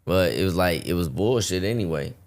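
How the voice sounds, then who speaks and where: Deep-voiced man telling a profane story. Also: expressive, a little fast. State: losing his voice. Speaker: podcast host. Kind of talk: casual storytelling chat.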